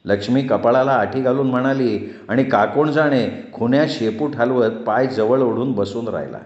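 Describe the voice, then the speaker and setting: A male storyteller reads a novel aloud in a steady, measured way. His voice sits in the middle range, and the recording is roomy and a bit dull. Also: medium pitch. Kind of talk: novel reading.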